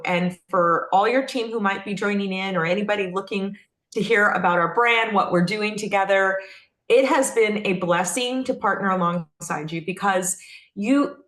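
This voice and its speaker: A middle-aged Texan woman who founded a company is being interviewed, recounting stories in a casual, conversational way with warmth and earnestness. Her voice is mid-range and a bit bright. The room has an echo.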